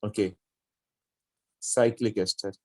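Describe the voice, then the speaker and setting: A male chemistry teacher gives a lecture in an unhurried, deliberate way, his voice sitting on the low side. He walks through each step and keeps checking that his students follow. The sound is dry and close, with little room around it. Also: fairly even intonation, dark tone, dry recording. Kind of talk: classroom lecture.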